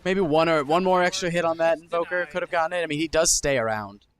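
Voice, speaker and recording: A man's voice: on the high side, fast talker, a bit bright. A man giving casual play-by-play esports commentary, thinking aloud, hedging and correcting himself as he goes. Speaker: esports caster.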